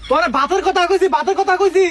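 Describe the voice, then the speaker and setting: Man acting a gruff loud village husband, very high voice, quick, noisy recording. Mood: angry. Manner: shouting, gruff. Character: loud short-tempered village husband and father. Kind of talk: comedy skit acting.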